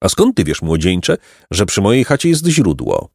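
A man voicing a gentle, merry old hermit. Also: low-pitched, huge pitch swings, moderate pace, vocal fry, dry recording, clean studio sound, heavily acted. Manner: gentle, sweet-voiced, chuckling. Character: kindly ancient male hermit, wise and merry. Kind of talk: storybook reading.

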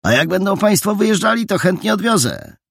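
A man's voice: high voice, very animated, vocal fry, slightly rough, no echo, studio quality, pitched above the performer's own voice, heavily acted. A man doing a cheeky, chatty teenage boy. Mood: sly, cheerful. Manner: bright, quick, salesman-like patter.

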